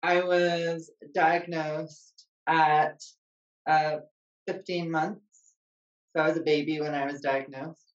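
A man from Scotland, a spinning instructor, speaking slowly and in a measured way on a video call. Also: fairly high pitch, flat delivery. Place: home room with exercise bike. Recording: distant roomy dull webcam sound.

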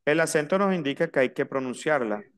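Smooth-voiced man teaching a class. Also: on the high side, animated. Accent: Latin American Spanish. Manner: slow, spelled-out pronunciation drills. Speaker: French teacher. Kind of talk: online language lesson.

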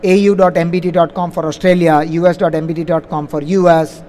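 A high-pitched man, a software implementation consultant, answers audience questions on stage in a large conference hall. He speaks a little fast with a flat delivery and darkish tone, wordy and rambling, habitually repeating "like, you know." Faint background noise from the live event is audible.

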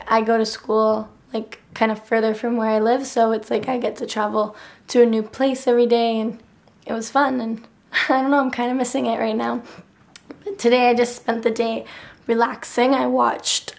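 A young adult woman with a nearly lost, raspy whispery voice and dry throat, chatting casually to a handheld camera in a bedroom. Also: fairly high pitch, level tone, moderate pace. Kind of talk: casual vlog chat. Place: bedroom, indoors. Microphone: handheld camera at arm's length.

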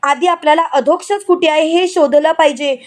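Brief: calm elderly male elder, reassuring, voiced by a woman with a high voice. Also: normal speed, natural voice. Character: gentle older holy man, calming elder.

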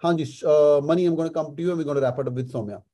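An Indian-accented man hosts an online session in a chummy, casual way. He talks very fast in a dark, mellow voice that sits slightly high. He slips between two languages informally. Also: dry recording. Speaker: host. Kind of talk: casual hosting, mixing Hindi and English. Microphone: video call.

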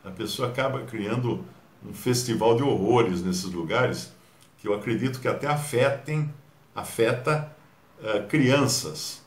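A man with a Brazilian Portuguese accent giving a Bible study, animated and mockingly mimicking others. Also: medium pitch, measured pace, reverberant. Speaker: Bible teacher.

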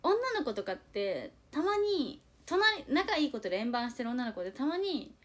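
A woman's voice: high voice, moderate pace. A young woman in an idol group chatting casually on a livestream, reading viewer comments and confiding in a self-deprecating way, acting out little quoted exchanges. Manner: animated, acts out little quoted exchanges in changed voices. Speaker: idol group member streaming live.

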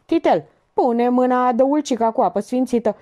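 Shrill bossy old mother, a woman voicing her, high and piercing, for an audiobook. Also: warm tone, close to an everyday voice. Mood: scolding. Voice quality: shrill, shrieking. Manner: bossy, scolding.

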